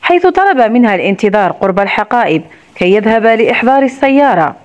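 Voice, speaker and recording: A woman narrating a romance novel as an audiobook, in a measured, expressive reading. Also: a little high, lo-fi sound.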